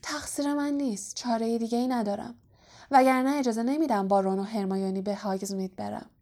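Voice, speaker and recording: Brief: a defiant teenage boy, as a woman reads him, cool, guarded and quick. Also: fairly high pitch, fairly even intonation, warm tone, lightly acted. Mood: sad.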